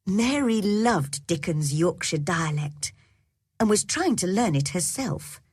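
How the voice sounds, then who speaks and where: A woman reading a graded storybook aloud for English learners, in a clear, measured manner. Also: fairly low pitch, animated, a little mellow, no room sound, studio quality. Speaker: audiobook reader. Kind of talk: slow storybook narration for learners.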